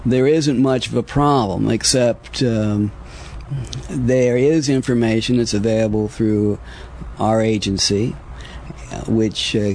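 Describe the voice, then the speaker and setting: On a noisy recording, an American government official answers interview questions formally, using measured, deliberate, bureaucratic phrasing. His voice is on the low side with a warm tone.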